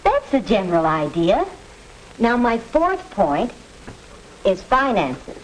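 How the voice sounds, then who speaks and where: Practical mother, very animated intonation. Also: mid-range voice, takes it slowly. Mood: practical, pleasant. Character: gentle, practical, self-sacrificing housewife mother. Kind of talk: stagey scripted 1940s educational film acting. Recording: crackly 1940s film soundtrack.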